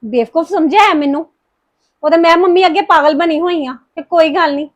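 An actress playing a grieving young wife who bitterly reproaches her mother-in-law, with a Punjabi accent. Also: very high voice. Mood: bitter, accusing. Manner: reproachful, accusing, rapid complaints. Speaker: daughter-in-law Harpreet. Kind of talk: emotional family drama acting.

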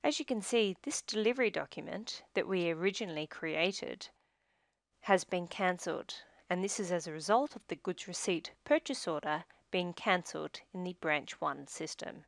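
This close-miked voice-over features a woman with a fairly low, gravelly voice reading software tutorial narration from a script. Her delivery is measured and instructional, and there is no echo.

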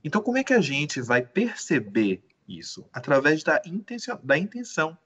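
A man giving a measured, explanatory talk in an educational conversation, often rephrasing himself. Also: fairly high pitch, wildly swooping pitch, a bit bright, highs cut off. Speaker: guest lecturer.

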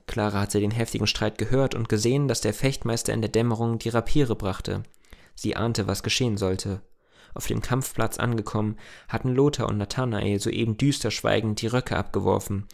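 A man's voice: fairly low pitch, vocal fry. A man reading a classic German novella aloud as an audiobook, in a plain manner with the odd slip and restart. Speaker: audiobook reader.

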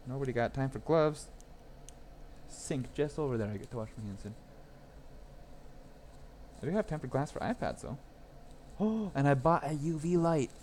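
A man's voice: medium pitch, animated, normal speed, pauses often, a little mellow, slight background noise. A young man chatting casually with viewers on a live stream while repairing a phone at his workbench, rambling and laughing as he goes.

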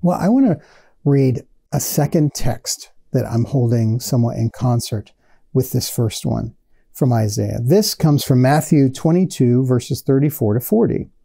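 Male pastor, 40s earnest teaching sermon, dark gravelly timbre, dry close sound. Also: medium pitch, a little slow, no room sound. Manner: earnest teaching tone, expressive hand gestures. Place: small studio set with shelves. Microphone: lapel mic.

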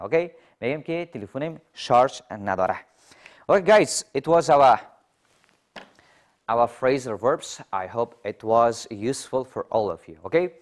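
Male TV English teacher, mid-pitched, asks rhetorical questions, repeats examples slowly. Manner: quizzes viewers with rhetorical questions. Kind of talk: TV English lesson in Dari.

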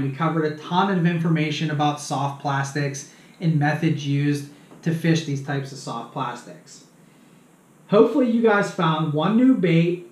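High-voiced chatty fishing-channel man. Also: roomy sound. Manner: upbeat, chatty, addresses viewers as "you guys". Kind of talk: casual instructional video. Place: small cluttered home room.

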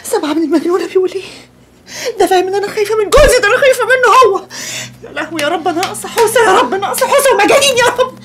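A woman's voice: extremely high pitch, animated, very fast, background noise. An actress playing a flustered, frightened woman who talks frantically in an Egyptian accent, with nervous laughter in her pleading. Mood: frantic. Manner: frantic, panicky, breathless laughter-laced pleading. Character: flustered panicked woman fending off a madman.

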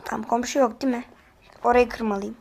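A woman giving excitable let's-play commentary, often pleading and exclaiming while she plays. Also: a little high, brisk, vocal fry, slight background noise. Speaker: gamer.

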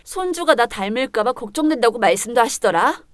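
A woman's voice: on the high side, expressive, fairly quick, no echo, close to an everyday voice. A woman voicing a pregnant young wife in a dramatized story reading, speaking in a restrained, firm and polite way. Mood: indignant.

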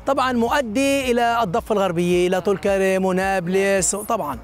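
A man's voice: sits high, quick pace, faint music behind. A middle-aged man, explaining local history and geography in an outdoor interview on an open hillside. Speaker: local guide.

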